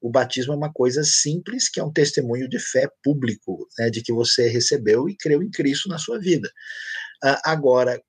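A pastor with a Brazilian Portuguese accent answers questions during a church teaching session, explaining conversationally and drawing on anecdotes. His medium-pitched voice is slightly rough, and the recording is dry.

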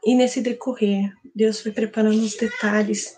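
Brazilian woman, slightly high voice, heartfelt church testimony, earnest storyteller. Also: fairly even intonation, a little slow, a little mellow. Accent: Brazilian Portuguese. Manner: earnest, emotional storytelling with quoted prayers. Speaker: church member giving testimony. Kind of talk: personal testimony.

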